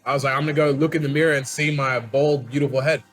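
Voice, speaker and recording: A man's voice: medium pitch, steady tone, fast, a bit bright. A young man hosting a food challenge with casual, blunt, chatty banter. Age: young adult. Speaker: host asking questions in a food challenge.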